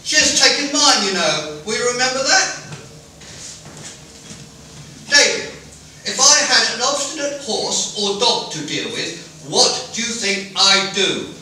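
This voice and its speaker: A man playing a cold, controlling stepfather in a stage play, measured, condescending and menacingly polite, heard from far off in an echoey hall. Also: very high voice, very animated, pushed and bright, slight background noise, exaggerated voice. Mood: stern control.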